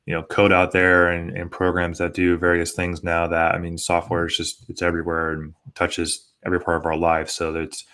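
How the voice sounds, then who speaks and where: American male podcast host, very low voice, little pitch movement, loose rambling chat. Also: monotone, moderate pace, hardly any pauses, bright, forceful tone. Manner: rambling, peppered with conversational tags. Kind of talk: casual panel discussion.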